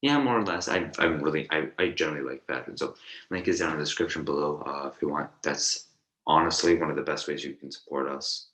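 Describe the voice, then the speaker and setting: A young man with an exceptionally deep voice hosts a casual podcast with a friend. He rambles, stumbles over restarts and leans on fillers as he talks. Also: fast talker, a bit bright, rough recording. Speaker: podcast co-host.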